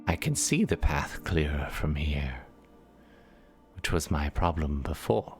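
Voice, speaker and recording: A man voicing a solemn, cryptic old hag in a tabletop game, speaking slowly and formally like a ritual guide. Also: rumbling low, very animated, faint music behind, heavily acted. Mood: cryptic, guiding. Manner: slow, deliberate, formal old-hag speech. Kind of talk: tabletop role-play acting.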